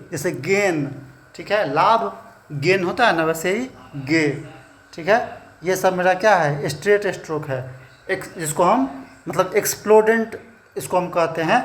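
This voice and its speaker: A man teaching a shorthand class, explaining slowly and checking in with "theek hai" after every point. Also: high-pitched, fairly bright tone. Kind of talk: classroom lesson.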